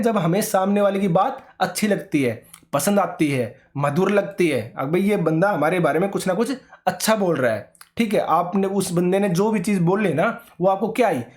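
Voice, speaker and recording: A man's voice: high voice, darkish tone. Male teacher for an online exam-prep class, explains patiently, keeps checking the class follows. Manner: explanatory, checks in with "ठीक है?" often.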